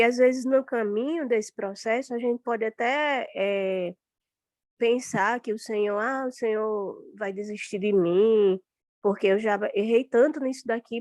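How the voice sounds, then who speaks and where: A woman in a devotional conversation, speaking gently and reassuringly, with small fillers. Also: mid-range voice, no room sound, studio quality. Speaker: church sister sharing a reflection.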